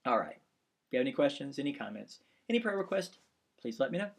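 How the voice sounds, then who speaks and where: A man's voice: mid-range voice, sing-song, fast, gravelly, husky. A man in his forties, an instructor and pastor, talking in a casual, earnest, rambling way in a course announcement video, with many restarts. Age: 40s.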